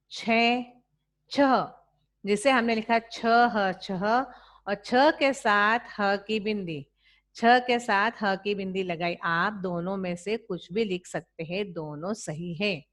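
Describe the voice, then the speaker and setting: An Indian woman leads a children's class at a gentle crawl, stretching each number out and pausing for pupils to repeat after her. Her voice sits in an ordinary middle pitch, patient and deliberate. She sounds like a schoolteacher recording an online lesson. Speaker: teacher.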